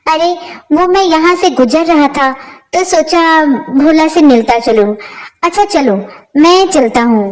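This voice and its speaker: A woman's voice: sits high, a little slow, voice pushed up, rough recording. A woman voicing a suspicious young man in a storybook tale, urgently warning his friend. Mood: flustered. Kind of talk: storybook character voice.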